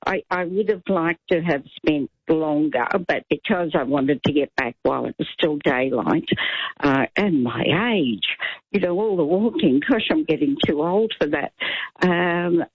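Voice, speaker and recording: A woman in her seventies calls in to a talkback radio show, chatting and rambling and sometimes growing indignant. Her voice is loud, low-pitched and husky, and the recording is muffled with no room sound.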